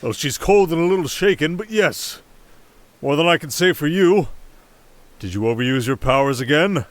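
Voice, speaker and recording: A man playing a kindly, fatherly old Santa Claus who gently chides and chuckles in an ASMR roleplay. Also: fairly high pitch, lively intonation, normal speed, close to an everyday voice. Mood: gently chiding.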